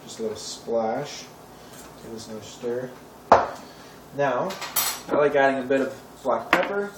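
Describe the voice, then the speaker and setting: Hosting a home cooking show, a young man speaks a little slowly in an animated, mid-range voice, chatty and offhand with wry asides. A camera mic set far away captures an echoey, noisy kitchen full of clattering pots and cutlery.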